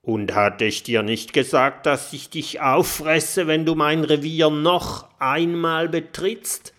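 A man voicing a huge, gruff jungle tiger in a children's story, who roars and then turns fawning. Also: mid-range voice, sing-song, very slow, heavily acted. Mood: roaring. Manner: loud roaring outbursts, then smarmy politeness.

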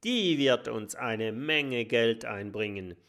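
A man voicing a fat, grim male robber in a children's storybook, loud, gruff and growling. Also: mid-range voice, slow pace. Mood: gloating.

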